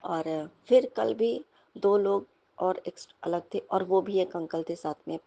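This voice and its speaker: A woman's voice: mid-range voice, unhurried, gravelly, mellow, dull audio. A young woman giving a devotional satsang talk, earnestly telling personal experiences and often addressing her listeners directly. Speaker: satsang speaker.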